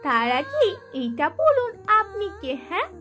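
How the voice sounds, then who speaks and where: A woman's voice: very high voice, wildly swooping pitch, a little slow, fairly bright tone, soft background music, heavily acted. A woman voicing a protective, defiant young woman friend in an audio drama, asking pointed, challenging questions.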